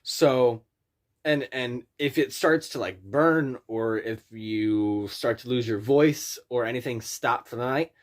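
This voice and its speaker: Casual man giving a rambling vocal tutorial. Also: medium pitch. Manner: informal, rambling, halting explanations. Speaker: scream vocal instructor.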